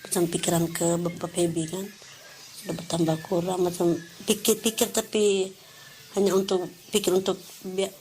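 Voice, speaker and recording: Woman, middle-aged, lowish voice, plain conversational storytelling, faint noise. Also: little pitch movement, moderate pace, long pauses, a little mellow. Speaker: interviewee, mother. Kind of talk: personal testimony.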